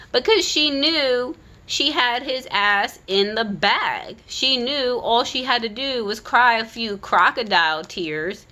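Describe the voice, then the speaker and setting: Woman, parent, vlog reviewer; bright tone, mid pitch, candid and critical, casual delivery. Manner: frank, critical, with "like" and "you know" fillers. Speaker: parent reviewing a children's book. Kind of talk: opinionated casual commentary.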